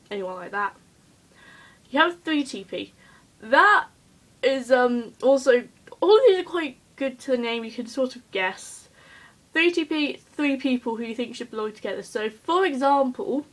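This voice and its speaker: A young-sounding woman talks straight to camera in a casual vlog. Her voice sits a little high, and she is hyper and giggly, rambling from one thought to the next with plenty of ums. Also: poor audio. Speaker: vlogger.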